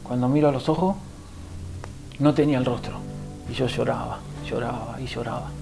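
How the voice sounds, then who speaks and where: A man's voice: mid-range voice, steady tone, a little fast, vocal fry, over music, low-quality recording. A man with a Rioplatense Spanish accent gives an emotional personal conversion testimony as a guest. He tells the story vividly and acts out what others said to him.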